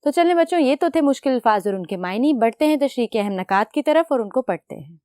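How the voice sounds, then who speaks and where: Lively, animated woman teacher, dry sound. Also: sits high, smooth, no room sound. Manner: patient, explains slowly, asks questions to children. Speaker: school teacher. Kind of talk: recorded classroom lecture.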